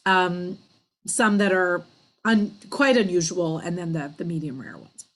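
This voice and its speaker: A woman teaching cantillation in a class, explaining slowly and chanting the syllables in a drawn-out sung voice. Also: on the low side, fairly bright tone, rough recording. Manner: wry and self-deprecating with small laughs. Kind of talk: online class teaching Torah trope.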